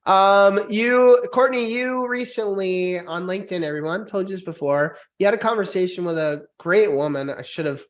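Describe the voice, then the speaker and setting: A man hosting a podcast. He has been drinking and rants loudly, swearing for comic effect in casual banter. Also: high-pitched, normal speed, hardly any pauses, dull audio. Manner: loud, profane mock-angry ranting. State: drinking, tipsy. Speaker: podcast host.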